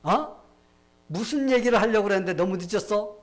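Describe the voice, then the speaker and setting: A man voicing a stern old king and grandfather who is quick to anger, acting it out in a sermon story. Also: a little high, lively intonation, natural voice. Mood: puzzled. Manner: barking, scolding.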